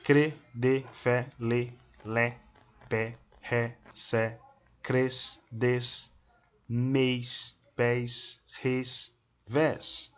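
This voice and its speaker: A man teaching a grammar lesson, slowly reading long lists of example words one at a time. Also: mid-range voice, level tone, fairly bright tone. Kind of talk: slow instructional reading of word lists.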